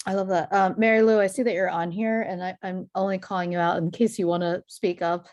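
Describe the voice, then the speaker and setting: A woman's voice: lowish voice, flat delivery, a little fast, a little mellow. A woman on a panel over a video call, talking candidly and personally in a conversational way.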